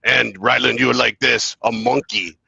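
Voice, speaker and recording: Gravelly Midwestern man hamming pirate lines. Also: mid-range voice, fairly even intonation, moderate pace, sharp tone, dry recording, highs cut off. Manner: hammy pirate growls, frequent laughs. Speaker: market show crew member. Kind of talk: jokey pirate-themed segment read.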